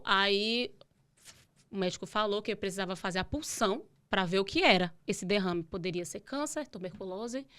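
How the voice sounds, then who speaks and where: A young woman, a podcast guest telling a long personal story in a casual, animated way. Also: medium pitch, clean tone. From Brazil. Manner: animated, acts out dialogue in her retelling.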